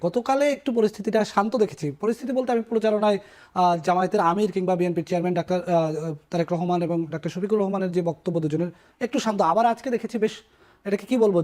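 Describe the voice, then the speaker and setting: A man's voice: high-pitched, mellow. A man hosting a political talk show, asking guests questions with hesitant filler sounds.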